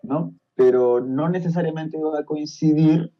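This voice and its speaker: A man's voice: a little high, steady tone, measured pace, muffled recording. A man with a Peruvian Spanish accent, a guest explaining a topic step by step on a podcast, often checking that his listener follows. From Peru. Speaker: guest expert on Tolkien's languages.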